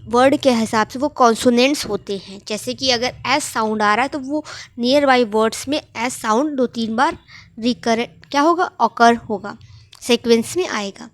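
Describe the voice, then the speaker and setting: A woman teaching literature, reading lines slowly and then explaining them in Hindi with rhetorical questions. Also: on the high side, no room sound. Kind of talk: explaining a text line by line.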